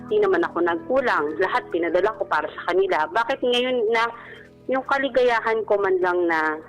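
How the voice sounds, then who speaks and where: A woman in her thirties from the Philippines phones into a radio show to relate a personal story, staying conversational and respectful with frequent polite particles. Her voice is on the high side, sing-song and brisk, in a muffled recording over a music bed.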